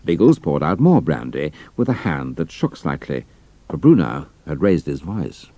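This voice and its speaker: A man's voice: a bass voice, sing-song, normal speed, warm tone. A man narrating an adventure story in a scripted, dramatic style.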